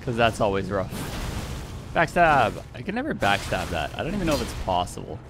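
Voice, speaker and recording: Over music, a man with a lowish, sing-song voice narrates his own gameplay at a brisk clip. This gaming YouTuber keeps it light and playful, laughing frequently and saying hello to players he meets.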